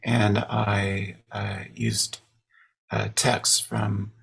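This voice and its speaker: A husky, gravelly man from American Samoa talks slowly on an academic panel. He hesitates, filling pauses and restarting his sentences as he goes. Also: on the low side, flat delivery, a bit bright. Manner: halting, many fillers and restarts. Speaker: artist and poet, panelist. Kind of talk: unscripted panel talk.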